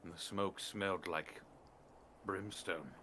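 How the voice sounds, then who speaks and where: Low-voiced man musing in character. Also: fairly even intonation, slow, bright, forceful tone, slight background noise. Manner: hesitant, restarting, musing in character. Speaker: player. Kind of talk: in-character tabletop role-play.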